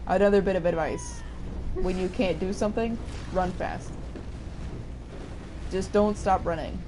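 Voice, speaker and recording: Streaming a game, a young woman with a fairly deep voice for a woman chats in an unhurried, casual way, joking around and swearing now and then. Background noise can be heard.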